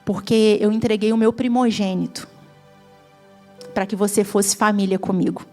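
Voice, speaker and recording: A woman's voice: mid-range voice, fairly even intonation, moderate pace, a little mellow, faint music behind. A woman from Brazil with a Brazilian Portuguese accent, giving a heartfelt testimony sermon at a church gathering that rises to fervent emphasis. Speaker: guest preacher.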